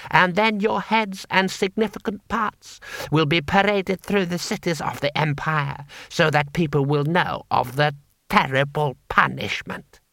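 A man voicing a cold, scheming older imperial lord who speaks slowly and haughtily. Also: fairly high pitch, creaky, sharp tone, no echo, pitched above the performer's own voice, exaggerated voice. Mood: menacing. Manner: slow, haughty, menacing.

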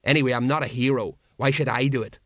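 A man voicing a portly, nervous sergeant who blusters to hide his fear. The voice sits at a middling pitch, dry and close. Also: fairly even intonation, fast, fairly bright tone, no echo, natural voice. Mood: blustering.

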